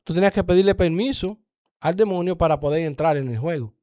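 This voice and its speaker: Dominican man, guest testimony, earnest storyteller, high voice, dry close sound. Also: fast talker, mellow, no room sound. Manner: earnest storyteller, acts out dialogue. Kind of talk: personal testimony in conversation.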